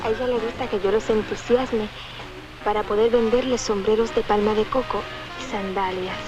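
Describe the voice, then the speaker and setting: Actress as a quick-talking sweet island girl. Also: medium pitch, steady tone, close to an everyday voice. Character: sweet-mannered, coolly mercenary young island daughter. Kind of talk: comedic film acting. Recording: dull old film soundtrack, music behind.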